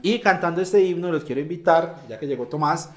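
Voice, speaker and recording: A man's voice: on the high side, lively intonation, a little fast, roomy sound, faint music behind. A man with a Colombian accent talking casually and informally with friends. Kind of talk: casual conversation among friends.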